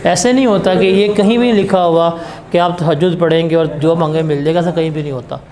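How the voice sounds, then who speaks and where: A man's voice: fairly high pitch, fairly even intonation, fast, darkish tone. A male teacher giving a classroom lecture in a blunt, scolding, emphatic way.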